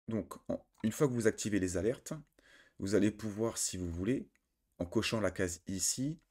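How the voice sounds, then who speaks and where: A man with a notably low voice walks viewers through a trading tool on screen. He explains each setting step by step, pausing with fillers and correcting himself as he goes. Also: darkish tone. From France. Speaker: trading indicator tutor. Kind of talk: screen-recorded software tutorial.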